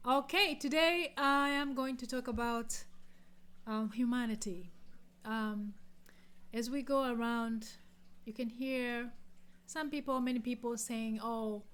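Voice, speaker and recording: A woman's voice: a little high, fairly bright tone, clear, resonant tone. A middle-aged woman from Tanzania, hosting her own podcast and telling a story in a casual, chatty way with many fillers and restarts. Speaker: podcast host.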